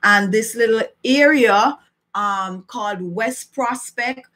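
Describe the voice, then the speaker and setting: A middle-aged Jamaican-accented beauty vlogger hosts a live chat from a small furnished room at home. Her slightly high, fairly bright voice moves slowly as she talks casually with viewers, repeating phrases for emphasis.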